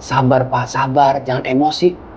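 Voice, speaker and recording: An actor playing a pleading, apologetic young husband. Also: male voice, mid-range voice, level tone, moderate pace, slight background noise, close to an everyday voice. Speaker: son-in-law. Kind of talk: low-budget film acting.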